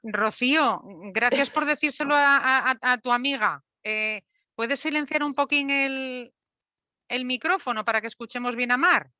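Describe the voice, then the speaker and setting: A woman's voice: sits high, normal speed, bright, forceful tone, dry recording. A woman hosting and interviewing on a video call, asking questions with hesitant, repeated words. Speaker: event host and interviewer. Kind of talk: moderating an online talk. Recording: dry lo-fi video call audio.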